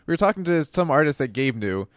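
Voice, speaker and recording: Fast-talking man in casual chat. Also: fairly high pitch, sing-song, no echo, clean studio sound. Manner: quick, chatty, asks follow-up questions.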